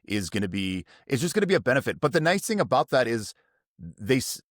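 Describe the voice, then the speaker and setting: A man co-hosting a casual business podcast, agreeing earnestly and trailing off quietly at the ends of sentences. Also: medium pitch, sing-song, a little fast, no echo, clean studio sound. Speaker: podcast co-host.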